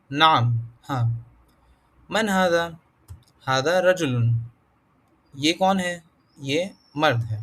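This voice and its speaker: A man reading through a beginner Arabic lesson and explaining each word, thinking aloud with pauses and fillers, slowing to sound out words and mixing in English terms. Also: on the high side, a bit bright. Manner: mixes English words into his talk. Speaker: self-taught Arabic learner teaching.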